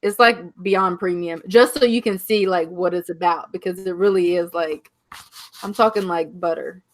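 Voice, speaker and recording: A woman's voice: on the low side, moderate pace. A woman shop owner chatting casually on a live stream, gushing and full of filler likes.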